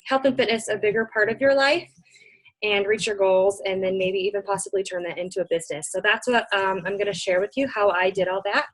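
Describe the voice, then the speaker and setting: A woman's voice: mid-range voice, a little fast. A young woman from Michigan hosting a casual webinar, chatty with many ums, slightly out of breath, speaking into a computer mic at home. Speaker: webinar host. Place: home room.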